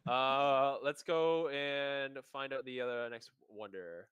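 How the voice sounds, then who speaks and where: A man hosting a live strategy game stream, commenting in an excitable, jokey, animated way. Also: medium pitch, slow, smooth, dull audio. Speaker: stream host.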